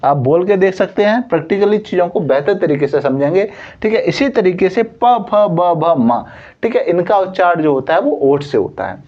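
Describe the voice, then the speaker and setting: A man teaching Hindi in an online coaching class. He explains slowly, sounds out letters one at a time, and keeps checking with "theek hai". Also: high-pitched, darkish tone. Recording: slightly dull lo-fi sound.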